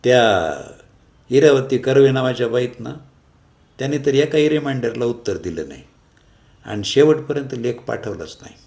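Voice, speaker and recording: A man's voice: mid-range voice, animated, moderate pace, vocal fry, darkish tone. A man voicing a timid male office boss who complains in an aggrieved, whining tone, read aloud in a story. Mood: complaining.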